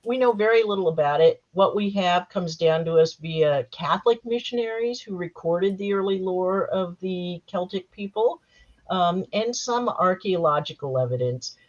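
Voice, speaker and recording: A woman with a slightly hoarse voice from a cold, leading a panel discussion in a chatty, wry lecturing manner. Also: on the low side, lively intonation, moderate pace, darkish tone, highs cut off. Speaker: panel moderator and Halloween historian. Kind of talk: panel discussion on a live stream.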